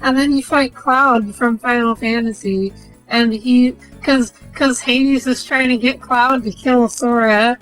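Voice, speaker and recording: A woman's voice: fairly high pitch, fairly even intonation, unhurried, fairly bright tone, soft background music, poor audio. A young woman streamer casually recapping a game, rambling and swearing with many fillers.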